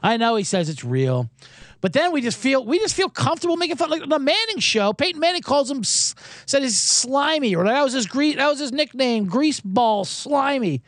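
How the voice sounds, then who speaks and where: A man's voice: very high-pitched, very animated, normal speed, no room sound, clean studio sound. A man hosting a sports betting show in a rambling, joking, profane way. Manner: rambling, riffing and joking, breaks into mock accents. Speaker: sports betting podcast host. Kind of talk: casual, profane betting chat.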